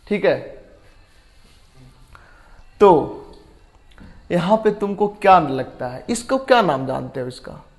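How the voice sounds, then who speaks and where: A male chemistry teacher with a high voice, speaking at an unhurried pace. He works through each point step by step, throws questions at his students and thinks aloud while recalling names. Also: lively intonation. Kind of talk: classroom lecture.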